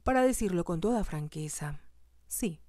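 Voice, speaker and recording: A woman's voice: lowish voice, animated, moderate pace, warm tone, no echo, clean studio sound, lightly acted. A woman voicing a haughty, hostile stepmother who speaks in a cold, curt and scornful way.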